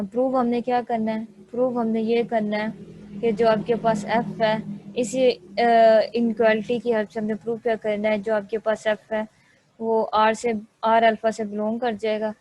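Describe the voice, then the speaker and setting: A woman giving a slow, step-by-step math lecture, thinking aloud as she writes. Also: a little high, a little mellow, a little hiss or hum, low-quality recording. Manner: slow, methodical, thinks aloud while writing.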